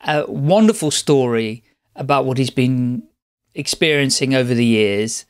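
Hosting a podcast interview, a man welcomes his guest and asks questions in an upbeat, encouraging way with quick acknowledgements. His voice sits at medium pitch with lively intonation and a clean tone.

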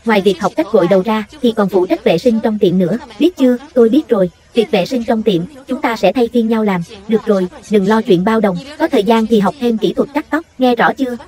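A woman reading a voice-over for a dubbed drama, voicing every part in a steady read-out delivery. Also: medium pitch, a little fast, few pauses. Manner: steady read-out delivery across all parts.

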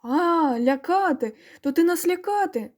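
A woman voicing an excitable, bold village boy who shouts in a shrill, squealing voice in a storybook reading. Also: unhurried. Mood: defiant shouting.

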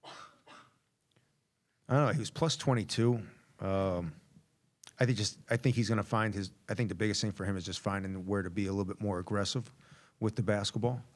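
A man's voice: lowish voice, brisk, pauses often. A middle-aged man, a basketball head coach, answering reporters candidly at a postgame press conference, repeating words as he thinks, into a table mic.

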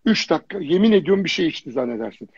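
High, husky man telling stories bluntly. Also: very fast, no echo. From Germany. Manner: animated storytelling with repetitions and blunt slang. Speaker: fitness jury member, guest. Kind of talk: casual livestream chat. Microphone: phone or computer on a live video stream. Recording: dull lo-fi livestream audio.

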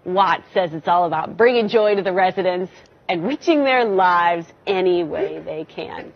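A woman's voice: lowish voice, moderate pace, lo-fi sound. A woman reading TV news, amused and correcting herself in a newsroom blooper. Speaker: TV news anchor.

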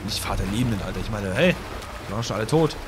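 A man's voice: lowish voice, lively intonation, rapid-fire. Man, casual gaming commentary, slangy and grumbling, game noise behind. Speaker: let's play host. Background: game sounds.

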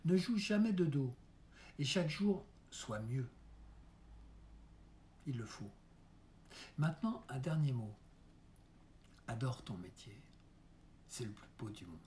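A man reading as an aging mime coaching his son, slow and mellow. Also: mid-range voice, animated, a little hiss or hum. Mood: coaxing mentor. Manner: earnest, coaxing, drops to soft hushed asides. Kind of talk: dramatic monologue reading.

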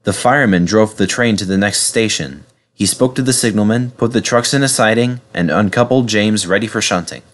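A man narrating a children's storybook aloud in a lively, expressive way. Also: on the low side, brisk. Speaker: reader.

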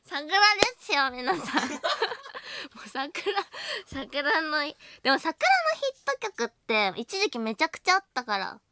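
Bright, lively young woman radio host. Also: high-pitched, a little slow. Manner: playful, giggly, self-teasing banter; acts out both sides of a mock argument. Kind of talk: casual late-night radio chat. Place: radio studio. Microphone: studio microphone.

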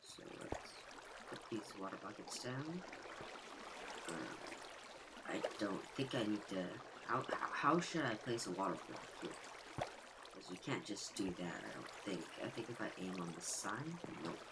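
A man with a raspy just-woke-up voice, thinking aloud as he walks through his game build. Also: on the low side, moderate pace. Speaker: gaming channel host. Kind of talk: gameplay walkthrough commentary. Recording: home mic with steady noise and clicks.

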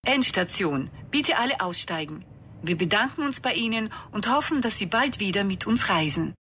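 A woman reading onboard train announcements in a formal, even delivery. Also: medium pitch, normal speed, a little hiss or hum.

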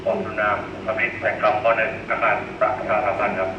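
A man's voice: lowish voice, little pitch movement, quick pace. Male guard heard through a two-way radio: muffled, hissy, echoing, clipped radio-net call signs. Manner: clipped, formulaic call-sign reporting. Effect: two-way handheld radio transmission. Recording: muffled radio, loud hiss, echoey.

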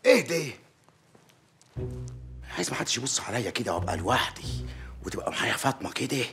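A blustering Egyptian village mayor. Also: male voice, medium pitch, sing-song, fast, creaky, a bit bright, soft background music. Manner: commanding, blustering, mocking. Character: bossy middle-aged village mayor.

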